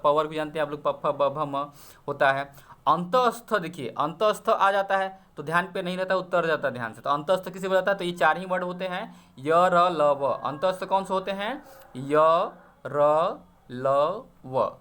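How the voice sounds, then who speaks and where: A man's voice: a little high, a bit bright. A man teaching an exam-prep grammar lesson, explaining step by step and checking often that students follow. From Bihar.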